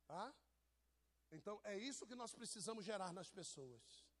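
High-voiced man preaching, teasing tone. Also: expressive, moderate pace. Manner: teasing, jokey, addresses people in the pews. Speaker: pastor. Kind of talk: informal sermon to a congregation.

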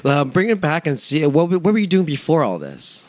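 A man's voice: fairly high pitch, big pitch swings, moderate pace, darkish tone, dry recording. Male podcast host, casual and hesitant, dry recording. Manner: hesitant, lots of fillers. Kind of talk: casual interview.

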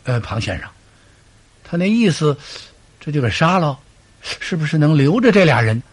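Storyteller playing an affable, scheming middle-aged lord. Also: male voice, on the high side, big pitch swings, moderate pace, breathy edge. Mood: genial. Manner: affable, sighing, hearty. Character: genial, scheming warlord, middle-aged man.

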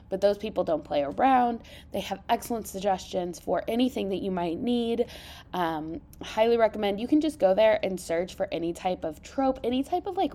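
A woman hosting a podcast, chatting casually and emphatically about books, with creaky vocal fry and congested sinuses. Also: mid-range voice, dark tone. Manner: informal, emphatic, enthusiastic. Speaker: podcast host. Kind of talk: casual book review chat.

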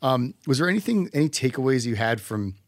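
A man hosting a casual podcast interview, chatty and quick to agree with his guest. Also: mid-range voice, very animated, no room sound, studio quality. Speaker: podcast host.

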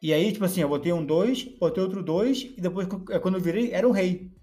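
A man's voice: high-pitched, fast talker, mellow, faint music behind. A young man co-hosting a casual podcast, bantering playfully and telling anecdotes. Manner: playful, mock-indignant banter. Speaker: podcast co-host. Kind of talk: casual chat.

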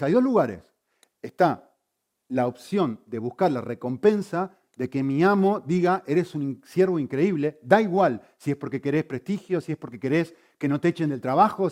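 A man preaches with a lively, animated delivery. His voice sits somewhat high for a man and rises and falls widely. He moves from loud emphasis to hushed, intense points. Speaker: pastor. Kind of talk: sermon.

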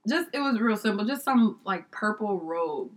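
A woman telling a childhood story in a casual interview, lively and laughing, with slang and a little swearing. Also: mid-range voice, moderate pace. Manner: animated storyteller who laughs and acts out quoted people. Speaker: guest.

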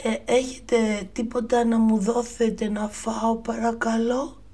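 A woman's voice: a little high, flat delivery, mellow, voice pushed up. A woman doing Jack, a lisping eager young boy.

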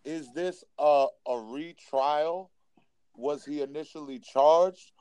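A man co-hosting a casual podcast, firing off quick, profane interjections and questions. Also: fairly high pitch, warm tone, clear, resonant tone, no echo. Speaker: podcast co-host. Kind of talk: casual chat.

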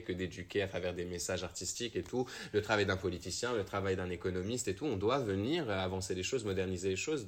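Low-voiced guy from morocco chatting in an interview, earnest, keeps restarting sentences. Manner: earnest, rambling with many restarts. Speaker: actor, interview guest. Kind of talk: casual interview conversation.

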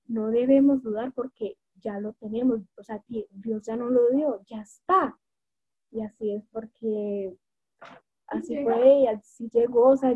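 A woman's voice: high-pitched, slightly rough, no echo. A woman giving an informal devotional talk with personal stories, rambling and correcting herself as she goes. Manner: rambling, with many fillers and self-corrections. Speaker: lay preacher. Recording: tinny phone-like recording.

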